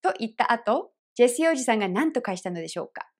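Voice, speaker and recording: A woman with a slightly high voice leads an online pronunciation lesson. She explains each point carefully and clearly. She demonstrates phrases slowly and repeats them. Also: big pitch swings. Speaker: English pronunciation teacher.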